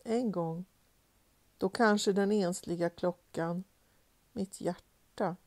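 A woman reading poetry aloud in a measured, rhythmic recitation with repeated refrains. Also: lowish voice, a little mellow, no room sound. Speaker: poetry reader.

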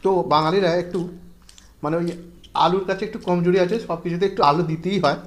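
Brief: man, eating-show co-host, rapid casual food chat while chewing, humming between mouthfuls. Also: high-pitched. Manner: relaxed, humming between bites.

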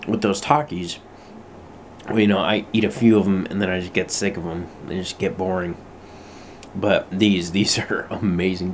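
Casting: male, 20s, low-pitched, informal food reviewer, relaxed slangy delivery, home camera with clear background noise. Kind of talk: casual video review, chatting to viewers. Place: small home room indoors. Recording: noisy room, bag crinkling.

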